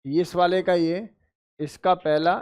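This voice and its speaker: A man teaching chemistry exam prep to students, who calls them beta and bhai, counts positions out loud in a drilling rhythm and answers his own questions. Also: sits high, little pitch movement, takes it slowly, clean tone.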